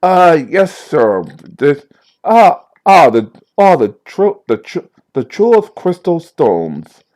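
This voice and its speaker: Man putting on a nonhuman spirit servant, higher voice, stammering, formal, eager to please. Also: big pitch swings, takes it slowly, darkish tone. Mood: dutiful. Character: deferential spirit servant guarding a vault.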